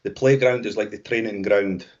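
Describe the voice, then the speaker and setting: A man's voice: lowish voice, steady tone, normal speed. Lo-fi Scottish man, reflective chat. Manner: reflective, trailing restarts. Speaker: podcast co-host. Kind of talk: casual conversation. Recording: dull lo-fi sound.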